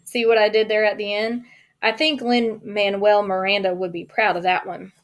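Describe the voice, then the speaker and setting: A woman's voice: mid-range voice, level tone, normal speed. A woman narrating an audiobook, adding playful asides to the listener.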